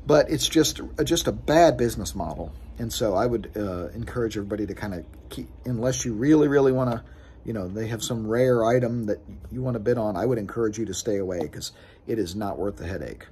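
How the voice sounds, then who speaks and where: A man's voice: fairly low pitch, animated, fairly quick, darkish tone, slight background noise. A man in his thirties giving a casual, frustrated vlog rant to his phone camera outdoors on his porch, gesturing with his hands as he talks. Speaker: sports card collecting vlogger. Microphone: phone camera close up.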